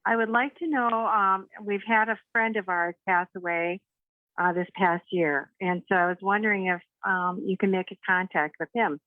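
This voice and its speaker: A woman's voice: mid-range voice, moderate pace, no room sound. Female radio show caller, hesitant and friendly, on a thin phone line, dry sound. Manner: hesitant, friendly, short answers. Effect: caller heard over a phone line on a radio show.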